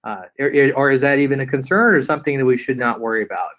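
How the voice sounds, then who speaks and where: Halting male webinar moderator. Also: medium pitch, fairly bright tone, lo-fi sound. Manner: halting, repeats words often.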